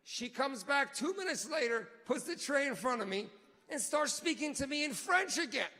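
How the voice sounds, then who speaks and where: A man hosting a live event, telling a comic story in an animated way and acting out voices and noises. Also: very high-pitched, moderate pace, long reverb tail. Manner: animated, acts out voices and sounds. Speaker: event host.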